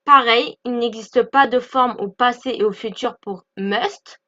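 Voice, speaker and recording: Woman teacher going over grammar, high bright voice, kinda dull lo-fi sound. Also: measured pace. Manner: patient, repeats points with "d'accord?" checks. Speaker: English teacher. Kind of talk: explaining an English grammar lesson. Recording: dull lo-fi recording.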